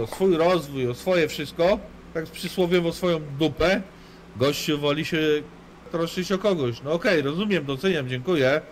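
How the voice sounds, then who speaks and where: A man with a high-pitched voice streams a video game live, swearing nonstop while bantering with chat and his teammate. His commentary is crude and mocking, with slight background noise.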